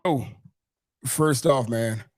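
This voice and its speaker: Speaking extremely slowly over background music, a Southern-accented podcast host from Mississippi leads a casual sports interview in a medium-pitched voice. His talk is wordy and keeps circling back over the same phrases.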